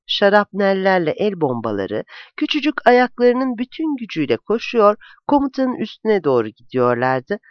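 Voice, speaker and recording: A narrator giving a measured, expressive literary audiobook reading, dropping low and quiet on the narration tags. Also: no room sound. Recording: dull, dry close-miked recording.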